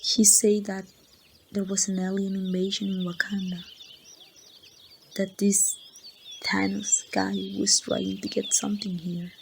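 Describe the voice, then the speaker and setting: An amateur voice actor with a Mexican accent plays a grieving survivor confiding in someone she lost, in a hushed ASMR roleplay. Her mid-range voice is slow, flat and creaky, with gaps between phrases, subdued yet hopeful, over faint noise and birdsong.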